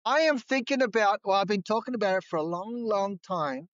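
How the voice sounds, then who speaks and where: A man's voice: high-pitched, expressive, a little fast, dry recording, muffled recording. A man chatting casually with strangers, rambling, repeating words and swearing freely.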